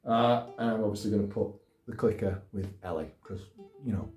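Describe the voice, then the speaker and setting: A man's voice: fairly low pitch, fairly quick, darkish tone, soft background music. Rambling man in a roomy space. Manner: rambling, chatty, self-deprecating. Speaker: gaming YouTuber host. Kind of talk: casual chat. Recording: roomy echo.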